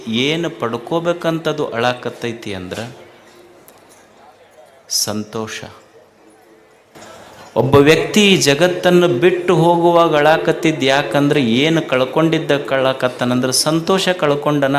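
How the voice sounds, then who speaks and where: A man giving a spiritual sermon from a stage at a religious festival, slow and measured, repeating phrases for emphasis. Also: medium pitch. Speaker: swami giving a spiritual discourse.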